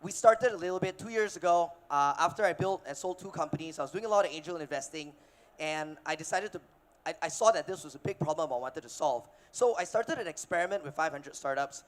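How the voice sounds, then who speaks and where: A man in his thirties from Malaysia, giving a casual, energetic keynote on a conference stage with filler words and restarts. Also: fairly high pitch, fairly quick. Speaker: keynote speaker, investor. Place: conference stage before an audience.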